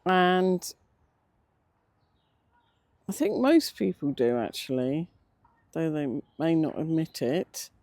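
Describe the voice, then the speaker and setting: Older English casual vlogger, medium pitch, relaxed timbre, slightly toothless diction, reflective and hesitant. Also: dry recording. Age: middle-aged or older. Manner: slightly slurred toothless speech, stumbles on words; hesitant, reflective, with many pauses. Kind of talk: casual unscripted vlog narration. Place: outdoors, sitting in a cemetery beside a road.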